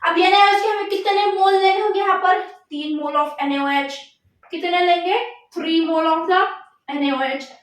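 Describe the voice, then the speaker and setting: A woman chemistry teacher lecturing a class, asking questions and repeating the answers slowly, mixing in English terms. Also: extremely high pitch, steady tone. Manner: mixes Hindi with English terms. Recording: echoey room, voice from far off.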